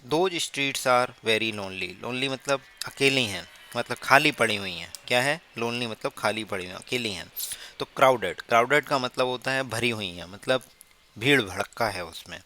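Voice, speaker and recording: A man with an Indian accent teaching exam vocabulary, spelling words out letter by letter and asking his students quick rhetorical questions. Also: medium pitch, bright, forceful tone, a little hiss or hum. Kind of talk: exam-prep lesson.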